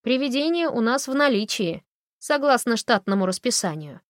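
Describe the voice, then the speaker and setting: A woman voicing a blunt, dry-humored woman cemetery keeper, speaking flatly and curtly. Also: on the high side, normal speed, dry recording, voice pushed up, close to an everyday voice. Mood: deadpan. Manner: flat, bored, curt.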